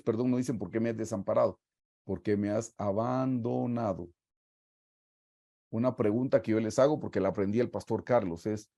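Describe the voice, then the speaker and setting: A man's voice: mid-range voice, dark tone. A man teaching a Bible study over a video call, emphatic, asking his listeners questions and repeating his points.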